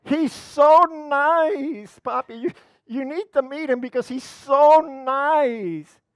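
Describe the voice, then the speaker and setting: A man's voice: very high-pitched, extremely slow, no room sound, lo-fi sound, pitched above the performer's own voice, full character voice. A man voicing his bubbly young adult daughter as she gushes about a new boyfriend, mixing in English phrases. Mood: gushing.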